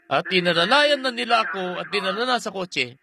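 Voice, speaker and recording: A man's voice: high-pitched, animated, brisk, crowd noise. A man preaching a sermon with earnest fervor, telling a healing testimony and leading a prayer.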